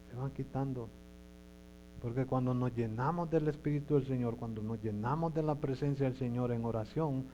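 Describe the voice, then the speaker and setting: Male pastor giving a sermon, mellow voice, repetitive questioning delivery, dull lo-fi recording with faint hum. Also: mid-range voice. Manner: repeats words and asks the congregation questions.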